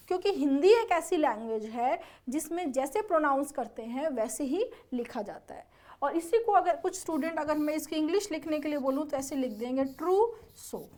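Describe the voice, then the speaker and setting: Her voice sits high with a somewhat dark tone as she teaches an exam-prep English lesson. She explains vocabulary one step at a time, spells each word letter by letter, and often asks whether the class is following.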